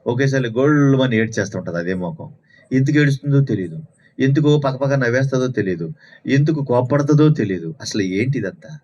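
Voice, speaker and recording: A man's voice: medium pitch, animated, fairly quick, darkish tone. A man preaching a sermon at a Sunday house meeting, telling stories and asking rhetorical questions with lots of repetition. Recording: dull lo-fi recording.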